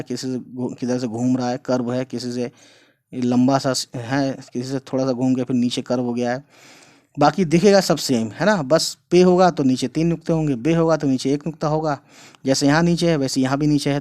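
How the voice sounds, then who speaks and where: A man's voice: medium pitch, darkish tone. A man teaching an Urdu lesson online, explaining patiently and repeatedly, checking in with viewers and calling them guys. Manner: addresses viewers casually as guys.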